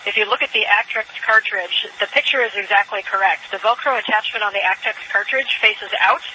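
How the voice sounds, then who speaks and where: A clearly noisy space radio link carries a woman's voice at a medium pitch. She is an astronaut speaking to the ground. Her reporting is methodical, detailed and procedural. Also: a little fast, pushed and bright. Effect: space radio transmission. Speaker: astronaut crew member.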